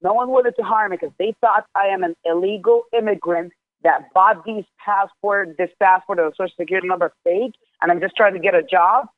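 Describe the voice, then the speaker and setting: A man's voice: sits high, fairly quick, dry recording, faint music behind. A man in his twenties from Jordan, a guest in a casual interview, telling his story candidly and emphatically, with frequent swearing. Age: 20s. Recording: tinny phone line.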